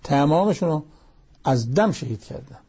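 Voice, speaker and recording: A man's voice: a little high, lively intonation, dark tone, slightly rough. A man preaching a sermon, reciting Arabic verses, explaining them, and pressing listeners with pointed rhetorical questions.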